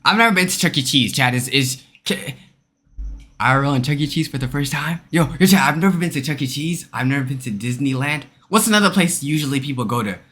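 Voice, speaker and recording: A man's voice: a little high, expressive, fast talker, bright, forceful tone. A young man streaming live, joking crudely and asking his chat questions. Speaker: streamer reacting to a video.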